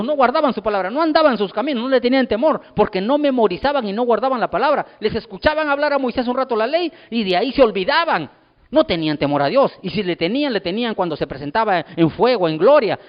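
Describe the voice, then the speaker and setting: In a dull lo-fi recording with long hall reverb, a male pastor with a high voice preaches to his congregation. He is emphatic and repetitive, hurling rhetorical questions at them.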